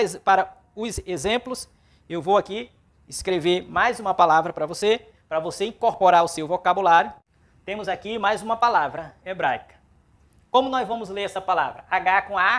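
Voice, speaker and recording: A woman's voice: on the low side, fairly bright tone. A woman with a Brazilian Portuguese accent teaching a Biblical Hebrew class, spelling out syllables and repeating words aloud for practice. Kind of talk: classroom lesson.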